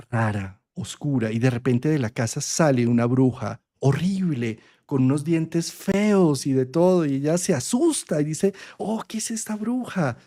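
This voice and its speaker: A middle-aged man teaching a master class, telling a fairy tale in an animated way and checking in with listeners. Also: medium pitch. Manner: animated storyteller with tag questions. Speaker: astrology and psychology teacher. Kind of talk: master class storytelling lecture.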